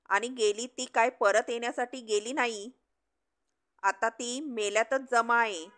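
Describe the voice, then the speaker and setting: Woman reading frightened weary woman, sighing, slow and fairly high. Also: steady tone, fairly bright tone. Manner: fearful, sighing. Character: frightened woman keeping the peace between two men.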